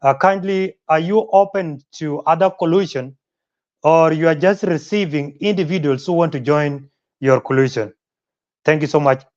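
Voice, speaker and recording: A man's voice: a little high, normal speed, darkish tone, highs cut off. A man hosting a panel interview, polite and hesitant, with frequent filler sounds between phrases. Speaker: interview host.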